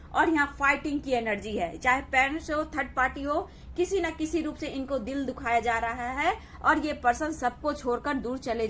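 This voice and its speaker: A woman's voice: high-pitched, a bit bright, slight background noise. A woman giving a collective tarot reading, addressing viewers as "dear" and often repeating "okay" to reassure them. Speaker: tarot reader.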